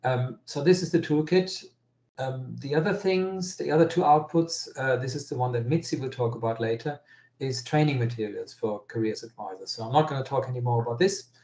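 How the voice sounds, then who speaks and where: A man's voice: mid-range voice, fairly quick, a little mellow. Man with a metallic, echoey call voice. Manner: hesitant, many ums and restarts. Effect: strange metallic sound over an online call. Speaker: webinar presenter. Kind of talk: online presentation. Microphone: video call.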